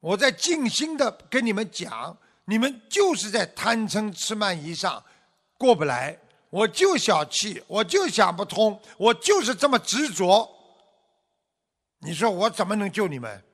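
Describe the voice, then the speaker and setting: A man giving a Buddhist dharma talk as a teacher, asking his listeners rhetorical questions and tagging sentences with drawn-out particles. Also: sits high, very animated, fairly bright tone. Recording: long hall reverb.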